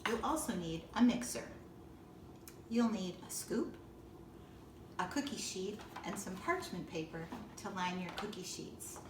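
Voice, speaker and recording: A librarian gives a baking demonstration, a woman with a medium-pitched voice walking through practical steps in simple, deliberate phrases. She sounds distant from the mic in a very roomy, echoing space, with background noise in the recording.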